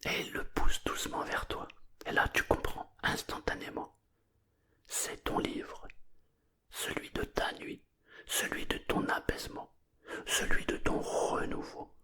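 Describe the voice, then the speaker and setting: Hushed and soothing, this narrator whispers a bedtime story in a breathy murmur. Soft pauses separate each phrase.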